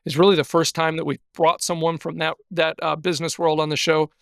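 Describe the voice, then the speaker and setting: A man's voice: fairly high pitch, flat delivery, fairly quick, gravelly, a bit bright, no room sound, studio quality. A man hosting a business podcast who welcomes his guest and asks questions in an upbeat, friendly way. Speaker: podcast host.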